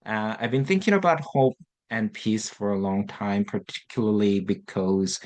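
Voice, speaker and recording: A man's voice: on the low side, normal speed, darkish tone. A man from South Korea giving a thoughtful prepared talk on a video call, with some fillers. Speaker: guest speaker.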